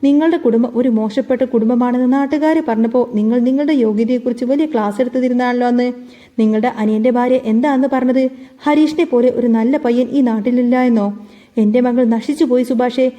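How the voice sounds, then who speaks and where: A woman voicing a furious middle-aged mother who shouts and scorns over the phone. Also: on the high side, fairly quick, lightly acted.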